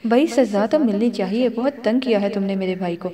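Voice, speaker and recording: A woman's voice: medium pitch, crowd noise, natural voice. A woman reading as a proud, guarded young wife. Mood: teasing. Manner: cold, clipped replies.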